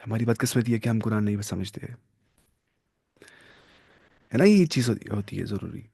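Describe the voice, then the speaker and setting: A man giving a religious lesson. He reads passages of text slowly, then explains them in a relaxed, conversational way and often checks in with his listeners through tag questions. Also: fairly low pitch, gravelly, slightly rough, dry recording, clean studio sound. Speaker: religious studies teacher.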